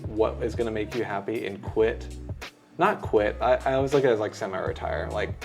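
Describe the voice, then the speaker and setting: A young man rambles cheerfully through a casual conversation, his low voice full of gravelly fry. Guitar music plays clearly behind him. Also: a little fast, darkish tone. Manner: upbeat, rambling, filler-heavy. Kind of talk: casual chat.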